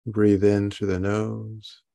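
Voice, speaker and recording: Slow, creaky-voiced man guiding meditation. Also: lowish voice, little pitch movement, mellow. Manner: halting, unhurried instruction with long pauses. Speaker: meditation guide. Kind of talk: guided body scan meditation.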